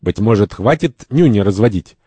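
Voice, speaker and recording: A man's voice: fairly low pitch, expressive, moderate pace, dark tone, slightly rough, dry recording. A man voicing a scornful, power-hungry male bully in a stage-play reading. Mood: sneering. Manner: sneering, contemptuous.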